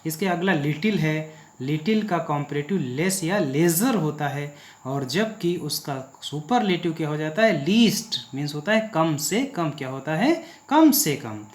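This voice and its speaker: A man's voice: on the high side, expressive, a little slow. A male teacher from India explains grammar and keeps posing questions to the class and answering them himself. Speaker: English teacher. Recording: echoey room.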